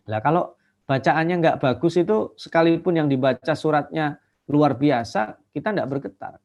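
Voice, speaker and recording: A man giving an online religious lecture. He explains at length and slowly chants short verses to show different ways of reciting. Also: on the high side, a little mellow. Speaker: Islamic teacher. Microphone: video call.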